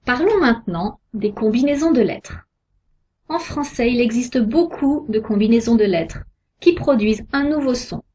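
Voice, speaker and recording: A woman giving a scripted pronunciation lesson, sounding out each example word slowly and carefully. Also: a little high, expressive, a little mellow, a little hiss or hum. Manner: slow, careful, deliberate articulation of example words. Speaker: French pronunciation teacher. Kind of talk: slow scripted lesson narration. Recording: dull lo-fi recording.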